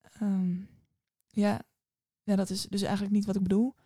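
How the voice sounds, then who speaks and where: A woman's voice: medium pitch, flat delivery, moderate pace, mellow, no echo, natural voice. A shy, awkward witch's daughter from a storybook, as a woman acts her out, hemming and stumbling through every polite request. The voice is dry and close-miked. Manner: hesitant, full of ehm and stumbling.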